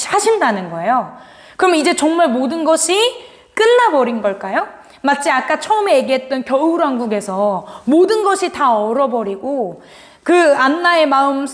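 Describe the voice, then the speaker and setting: Animated woman preaching to children. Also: high voice. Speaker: children's pastor. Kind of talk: children's sermon. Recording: long hall reverb.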